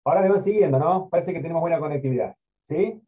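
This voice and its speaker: A man's voice: on the high side, quick pace, warm tone, highs cut off. A man with an Argentine accent, a professor giving an online lecture over a video call whose connection keeps cutting out. He restarts his sentences and keeps checking whether his students can hear him. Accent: Argentine Spanish. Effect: choppy, breaking-up internet connection. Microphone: computer on a video call.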